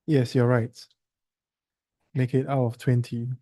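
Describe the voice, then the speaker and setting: A male tutor with a Singaporean English accent walks a student through a science lesson. His voice is warm and mellow at an ordinary pitch, and he quizzes and teases in an easy, chatty way. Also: level tone, takes it slowly.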